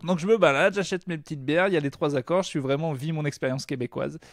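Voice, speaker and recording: Lively man telling anecdotes. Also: a little high, quick pace, no room sound, studio quality. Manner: animated storyteller, laughs often. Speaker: podcast co-host. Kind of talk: casual chat.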